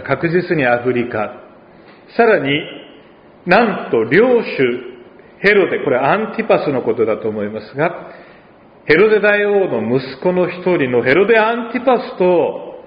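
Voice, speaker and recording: Pastor with an Oita lilt, echoey hall. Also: male voice, on the high side, dull audio. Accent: Oita Japanese. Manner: conversational, with dialect asides and gentle humor. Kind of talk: sermon.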